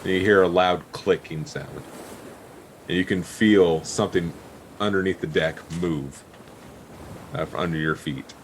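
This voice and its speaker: A man narrating a tabletop game as game master, in a halting, pausing way. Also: low voice, slight background noise. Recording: faint sea and boat ambience behind.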